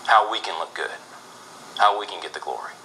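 An actor in his thirties playing an earnest, devout football coach, giving a deliberate, preacher-like pep speech to his team in a locker room. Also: low voice, animated, pushed and bright, a little hiss or hum, heavily acted, poor audio. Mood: solemn, earnest. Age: 30s.

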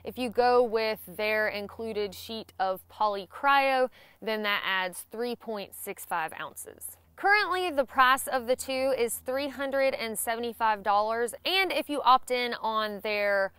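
A woman's voice: a little high, slow pace, no room sound. A young woman with a Southern US accent, giving a scripted gear review to camera outdoors on a grassy lawn. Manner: clear, even, informative delivery.

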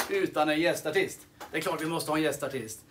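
A man's voice: a little high, background noise. A man hosting a live sing-along, chatting casually with many fillers and restarts. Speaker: sing-along host and guitarist. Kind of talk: casual live-stream chat. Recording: guitar playing behind voice. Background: guitar music.

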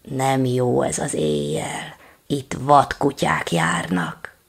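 A woman voicing a big shaggy dog, gruff and tired, in a storybook reading, with a husky, gravelly voice. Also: very deep voice, steady tone, exaggerated voice. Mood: weary.

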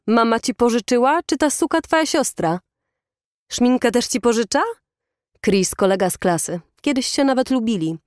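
Brief: woman audiobook narrator, steady and measured, dry close studio sound. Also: on the low side, no room sound. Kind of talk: scripted narration.

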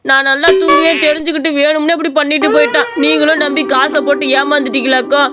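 A woman's voice: high voice, flat delivery, fast, loud music behind the voice, natural voice. A woman voicing a sleepy, put-upon village man in a cartoon, protesting in an aggrieved way.

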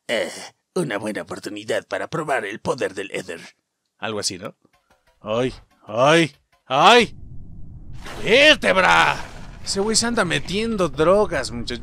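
A young man with a Mexican accent commenting on his own game play, excitable and quick to swear and shout. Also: high voice. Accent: Mexican Spanish. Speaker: gaming streamer. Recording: game music loud behind the voice. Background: game music.

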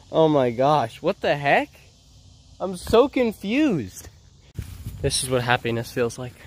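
Recorded on a head-mounted action camera with a little hiss or hum, a young vlogger with a medium-pitched, congested voice searches the woods. He keeps up an excited, casual running commentary on his own search.

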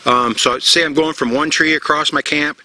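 A man's voice: fairly high pitch, steady tone, normal speed, pushed and bright, dry recording. A middle-aged man showing a knot step by step in a tropical forest, talking plainly and repeating himself as he works. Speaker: bushcraft instructor. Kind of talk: casual outdoor knot demonstration.

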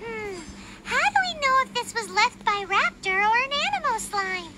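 A tiny, excitable fairy companion squeaks in an overacted anime game dub. The voice is extremely high and swoops around, over loud game sound effects. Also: female voice, moderate pace, very noisy. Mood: puzzled. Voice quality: squeaky, childlike.

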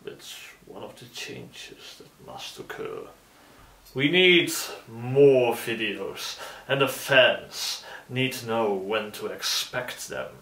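A man's voice: medium pitch, animated, slow pace, gravelly, a bit bright, exaggerated voice. A man voicing a grandiose, theatrical male demon who makes pompous, dramatic proclamations. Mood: commanding. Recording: roomy echo.

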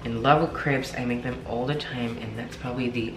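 A man's voice: mid-range voice, fairly even intonation, brisk. A young man from France, chatting playfully and joking at himself while demonstrating recipes in his home kitchen. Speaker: cooking vlogger. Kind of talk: casual cooking demonstration. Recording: echoey kitchen with clattering dishes.

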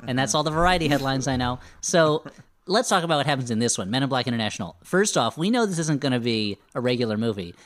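A man's voice: mid-range voice, expressive, quick pace, fairly bright tone. A man hosting a comedy podcast, recapping a movie with wry, jokey asides. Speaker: podcast host.

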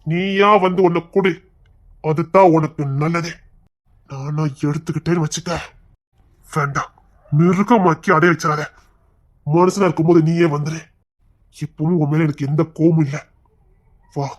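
An actor playing an obsessive, bitter husband in an audio drama, pressing with accusing questions. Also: male voice, fairly high pitch, steady tone, normal speed, long pauses, natural voice. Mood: menacing. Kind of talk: Tamil audio drama acting.

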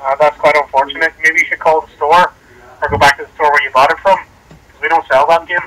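Casting: male customer service agent on a phone call, fairly high pitch, quick delivery. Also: fairly even intonation, pushed and bright.

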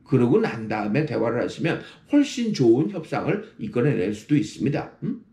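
A man giving a lively humor lecture, playfully tagging his points with a teasing "eh?". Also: medium pitch, fairly quick, echoey room. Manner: animated, tags lines with a teasing "eh?".

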